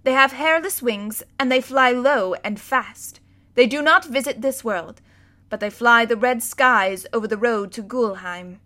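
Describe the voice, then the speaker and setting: A woman voices a strict, stern older female tutor, issuing commands in a clipped, forceful way. Her voice is a little high and unhurried.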